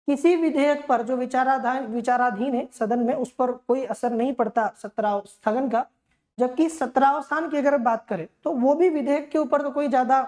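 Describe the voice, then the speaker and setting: A woman's voice: a little high, a little mellow. A middle-aged woman teacher giving an exam-prep lecture, explaining step by step with rhetorical questions and chatty personal asides.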